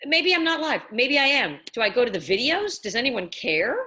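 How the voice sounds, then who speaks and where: A woman's voice: on the high side, sing-song, moderate pace, sharp tone. Tipsy woman rambling on a live stream. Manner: rambling, self-questioning, slightly slurred. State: tipsy from wine. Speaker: host.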